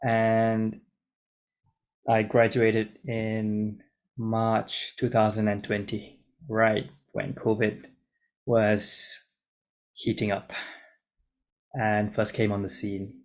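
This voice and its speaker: A man's voice: lowish voice, monotone, very slow, long pauses. A young man in his twenties from Singapore, a junior doctor talking casually to camera from a script, hesitant with many restarts, recorded on a laptop mic in his room. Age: 20s. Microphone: laptop mic on a video call.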